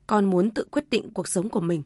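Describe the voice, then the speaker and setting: Brief: a woman playing a resolute young son, respectful and steady. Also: medium pitch, brisk, husky, dry recording, clean studio sound, natural voice. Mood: firm. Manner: firm, polite.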